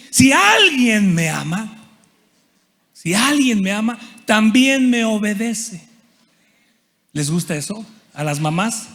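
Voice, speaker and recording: A man preaching a lively conference sermon as a Bible teacher, often asking the audience questions and acting out quotes. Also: very high-pitched. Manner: animated, asks the audience questions and acts out quotes. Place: large church auditorium. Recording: long hall reverb.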